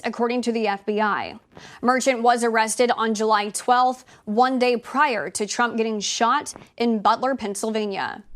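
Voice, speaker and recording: A woman presenting news headlines as scripted narration. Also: a little high.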